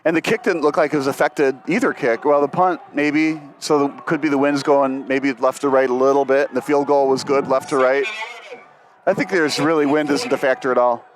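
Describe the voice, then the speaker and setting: A man giving color commentary on a football game, explaining the play in a relaxed way. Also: medium pitch, a little fast, low-quality recording. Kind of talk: live sports commentary.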